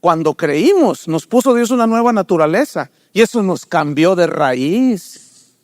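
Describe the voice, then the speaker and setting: A man's voice: measured pace, dry recording, clean studio sound. An older man preaching a sermon, asking the congregation rhetorical questions and acting out characters in his stories. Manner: animated storytelling, acts out characters in raised pitch. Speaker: pastor.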